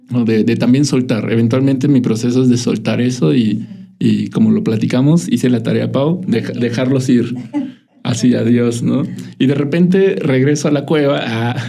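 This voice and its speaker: A man's voice: medium pitch, gravelly, mellow. A man hosting a podcast, talking in a reflective, hesitant way with many restarts. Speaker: podcast host. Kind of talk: casual spiritual conversation.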